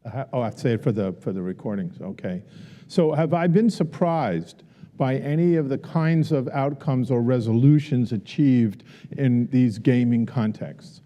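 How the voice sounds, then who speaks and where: In a big, echoing university auditorium, a professor delivers a symposium talk and takes audience questions, earnestly restating each for listeners. He speaks in a deep, mellow tone at an unhurried pace, with long hall reverb on the recording.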